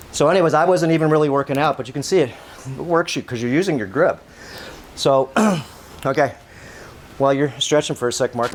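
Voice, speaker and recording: A man giving a casual, rambling exercise demonstration, instructing as he goes and repeating himself. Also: medium pitch. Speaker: workout host. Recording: clearly noisy ambient background.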